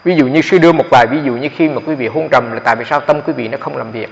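A man's voice: mid-range voice, fast talker, gravelly. A man, a Buddhist monk giving a dharma talk on meditation in a conversational, explanatory way, often repeating his words. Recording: echoey hall, dull lo-fi sound.

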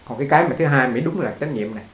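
A man's voice: mid-range voice, rapid-fire, fairly bright tone, slight background noise. A man teaching as a Buddhist teacher in a conversational dharma talk, repeating words and laughing along with his listeners. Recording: echoey room.

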